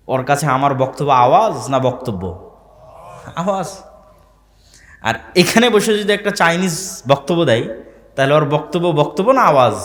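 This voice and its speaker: A man preaching a sermon to a live audience, asking the crowd questions and repeating key phrases. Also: medium pitch. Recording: long hall reverb.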